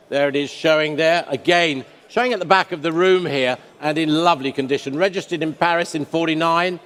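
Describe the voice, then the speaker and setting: Highish-voiced male auction presenter, echoing hall. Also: fairly bright tone. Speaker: auction presenter introducing lots. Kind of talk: semi-scripted lot presentation commentary. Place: large auction hall, indoors. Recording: reverberant hall sound.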